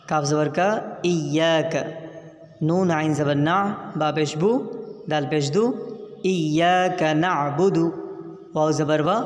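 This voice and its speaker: A man teaching Quran reading, spelling out each letter and vowel patiently before reciting the whole phrase. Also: a little high. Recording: echoey room, long reverb.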